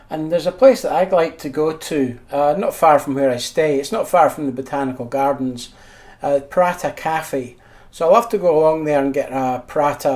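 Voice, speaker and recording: A man's voice: on the high side, a little mellow. A middle-aged Scottish man narrating a casual travel vlog, chatty and telling stories with dry humour. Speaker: travel photography vlogger.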